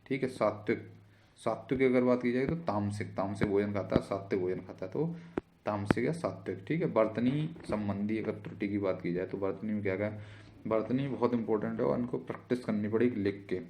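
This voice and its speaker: A man's voice: on the low side, brisk, background noise. A male teacher giving an exam-prep spelling lesson, repeating each word and checking in with "theek hai".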